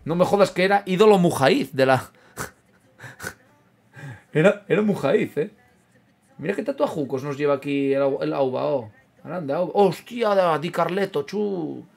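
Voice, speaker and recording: A man with an Asturian Spanish accent casually commentating his football video game. He swears freely, repeats himself and reacts loudly to every play. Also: a little high, expressive, unhurried, creaky, pauses often, slightly rough. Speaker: gaming streamer.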